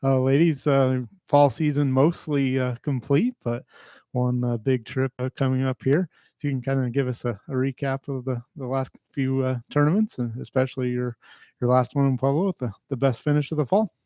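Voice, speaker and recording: A man interviews athletes. He asks halting questions full of fillers. His voice is mellow and dark and stays level in pitch, and the recording sounds dry. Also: steady tone, no room sound. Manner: halting, many "uh" and "kinda" fillers. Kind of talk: media scrum questions.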